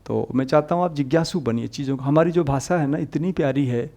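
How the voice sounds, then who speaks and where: A man with a warm tone and some vocal fry delivers a brisk exam-prep Hindi grammar lecture. He explains patiently, repeats sounds aloud, rises on the key points, and lets phrase endings fall low.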